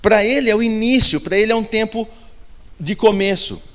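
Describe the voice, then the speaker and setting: A man's voice: high-pitched, normal speed. A man with a Brazilian Portuguese accent preaching a sermon, repeating his points with emphasis and asking rhetorical questions. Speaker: pastor. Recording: long hall reverb.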